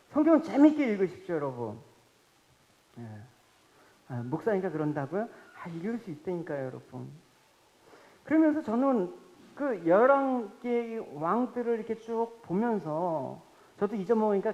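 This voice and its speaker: A man preaching a Sunday sermon as pastor, animated and often calling out to his congregation. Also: sits high. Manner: animated, addresses congregation directly. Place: church sanctuary. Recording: reverberant hall, dull lo-fi sound.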